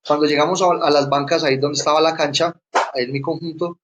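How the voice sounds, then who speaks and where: Young guy telling his testimony, kinda high voice, stops and repeats himself a lot. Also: steady tone, a bit bright, a little hiss or hum. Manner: halting, repeats words and restarts. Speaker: interviewee sharing his testimony. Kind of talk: personal testimony.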